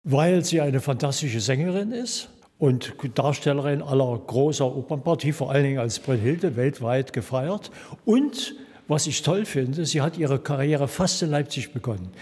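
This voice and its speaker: A man organizing a festival talks earnestly with a husky voice. His pace speeds up and slows down. A long hall reverb hangs on the sound. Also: medium pitch, a little mellow. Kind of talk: interview remarks.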